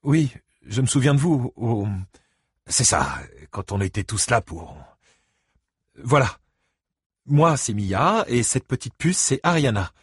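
Man doing husky, wary grandmother, clipped, dry close read. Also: mid-range voice, dry recording, voice pushed up, heavily acted. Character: wary middle-aged grandmother, guarded and protective.

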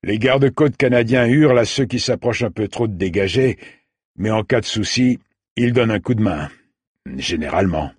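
Man voicing a husky matter-of-fact boat stoker. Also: medium pitch, fairly quick, a little mellow, no room sound, studio quality, voice pushed up, close to an everyday voice. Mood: explaining. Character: male steamboat crewman, sweaty stoker, matter-of-fact.

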